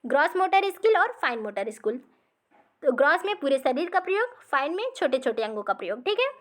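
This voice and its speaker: A woman with a high, light voice teaches an exam-practice lesson. She explains slowly and repeats each point, checking in after almost every line. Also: very animated.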